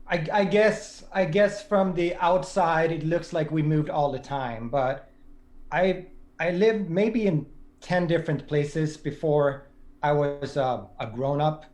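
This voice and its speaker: A man in his forties from Sweden, a native Swedish speaker, chatting as a podcast guest. His voice sits a little high, and he speaks reflectively, circling back and restarting his sentences. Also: takes it slowly, darkish tone. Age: 40s. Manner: thoughtful, with many restarts. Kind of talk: casual conversation.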